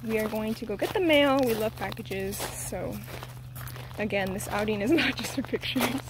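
A woman's voice: moderate pace, noisy background. A young woman vlogging outdoors in a garden, chatty and a bit flustered, slightly out of breath as she gives tips. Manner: chatty, slightly flustered, switches to high sing-song when coaxing her toddler. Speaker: vlogger and mother. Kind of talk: casual outdoor vlog with tips. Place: outdoors in a garden, under a tree.

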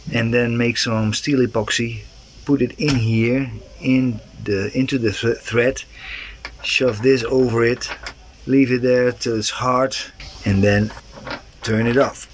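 Over the noise of the outdoors, a middle-aged sailing vlogger gives a casual DIY explanation between bits of chat. Filmed handheld at arm's length at a harbor boatyard and on deck, the audio is noisy with a steady ambient rumble.

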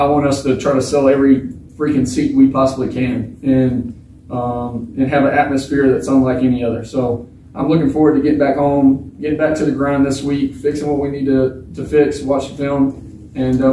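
Frank quarterback in an echoey press room. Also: male voice, mid-range voice, warm tone, recorded from a distance, a little hiss or hum. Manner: frank, halting, many restarts. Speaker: football quarterback. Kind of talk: post-game press conference. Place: small press room with bare walls. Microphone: table mic, filmed from across the room.

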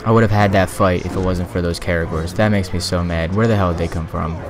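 A man's voice: low-pitched, steady tone, fast, over music. A man giving casual commentary while playing a video game, muttering and swearing in frustration. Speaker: let's play gamer.

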